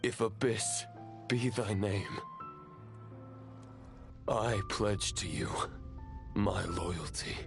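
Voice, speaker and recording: Slow, solemn fallen knight. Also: male voice, on the low side, creaky, full character voice. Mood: fervent vow. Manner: formal, oratorical, archaic. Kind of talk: anime video game dialogue. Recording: game music behind the voice. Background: game music.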